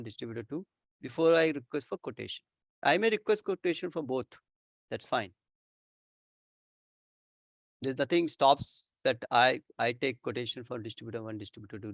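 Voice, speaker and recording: A man with an Indian accent explains things step by step in an informal question-and-answer session. His voice sits at an ordinary male pitch and is recorded dry, with no room sound. He often rephrases and checks in with a short "right?". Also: gravelly, dry recording. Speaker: expert presenter answering questions. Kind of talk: informal explanatory Q&A with worked examples.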